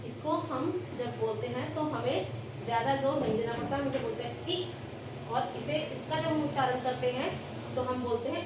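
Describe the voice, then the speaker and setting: A woman teacher giving an online lesson to small children, explaining slowly and step by step and stressing sounds when she demonstrates them. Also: sits high. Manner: slow, careful, explains step by step. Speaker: nursery Hindi teacher. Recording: echoey room, recorded from a distance, with noise.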